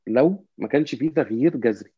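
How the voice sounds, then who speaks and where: A man with an Egyptian Arabic accent in casual football discussion, halting and repetitive as he searches for words. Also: medium pitch, animated, slightly rough, no room sound, highs cut off. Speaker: football fan commentator.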